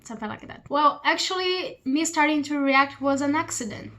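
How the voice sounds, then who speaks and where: Brazilian-accented woman, fairly high voice, rambling vlog talk, eating noodles in her old bedroom. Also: expressive, normal speed, bright, forceful tone, low-quality recording. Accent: Brazilian Portuguese. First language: Portuguese. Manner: chatty, rambling, eating while talking. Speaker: vlogger. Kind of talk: casual chat to camera. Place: childhood bedroom at her parents' home.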